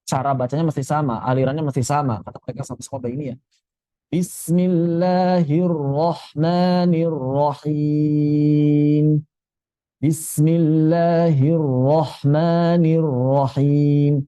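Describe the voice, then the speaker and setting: A man's voice: mid-range voice, steady tone, darkish tone, no room sound. Man teaching Quran recitation rules. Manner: explains rapidly, then chants example words slowly. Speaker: tajwid teacher.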